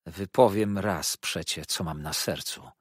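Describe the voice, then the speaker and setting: A man's voice: low voice, unhurried, husky, dry recording, clean studio sound. A man voicing a bitter, scarred woman who hurls furious accusations in an audiobook. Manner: accusing, declamatory outbursts.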